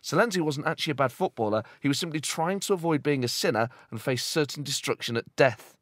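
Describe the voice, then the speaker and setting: A man's voice: fairly high pitch, expressive, fast, a bit bright, no room sound, clean studio sound. A man hosting a podcast, teasing his guest and reading playful mock-serious bits. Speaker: podcast host. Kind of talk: casual chat with mock-serious scripted bits.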